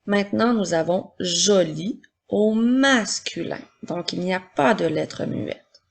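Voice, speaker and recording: A woman teacher with a husky, slightly gravelly voice reads words aloud at an unhurried pace for a children's dictation. She explains each step with patience, as if to first graders. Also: mid-range voice. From Quebec, Canada. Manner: slow, patient, explaining step by step to young pupils. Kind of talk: recorded spelling and dictation lesson for children.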